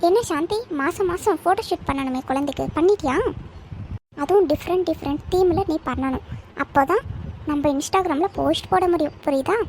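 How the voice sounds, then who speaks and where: A woman's voice: very high-pitched, a little mellow, a little hiss or hum. A woman voicing a nosy, meddling older woman in a cartoon who lectures and keeps asking if she is understood. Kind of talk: cartoon voice acting.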